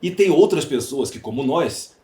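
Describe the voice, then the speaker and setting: A man with a Brazilian accent and a fairly high, mellow voice speaks expressively at a moderate pace. As a podcast guest, he gives emphatic conversational answers, repeating phrases for stress. Roomy echo and clear background noise are audible.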